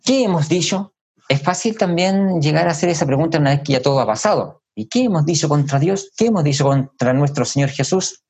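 A man delivers a sermon in a husky voice. He talks in a measured way, repeating key words for weight and pausing with small hesitations as he thinks. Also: on the high side, expressive, darkish tone. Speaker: preacher.

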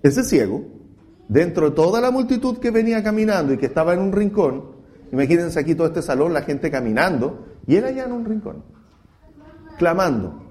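A man preaching a sermon as pastor, swinging between loud cries and hushed asides and acting out quoted voices. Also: a little high, sing-song, brisk.

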